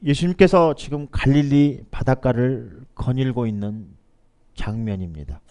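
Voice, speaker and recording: At normal speed and with a mid-range voice, a man gives his Sunday sermon as pastor. He alternates quiet asides with loud, emphatic swells and calls on the congregation to repeat lines aloud.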